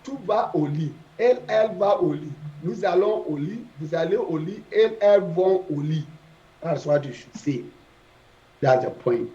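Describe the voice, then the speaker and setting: A man's voice, on the high side with lively intonation and a dark tone, drills a class on French verb conjugations. He proceeds slowly and repetitively, asking students questions. It's a dull, lo-fi classroom recording.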